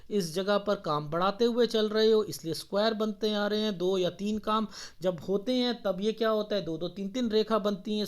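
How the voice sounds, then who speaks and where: A man working as a palmist, explaining a paid palm reading step by step. He walks through the ages one by one and keeps checking in with a quick "okay". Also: high voice.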